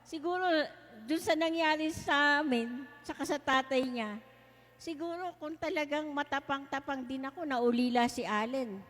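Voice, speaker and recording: Woman, high voice, lively storyteller, laughs often, long echoey reverb. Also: normal speed. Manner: lively, laughs often while telling stories. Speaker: guest sharing a testimony. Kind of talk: casual storytelling testimony.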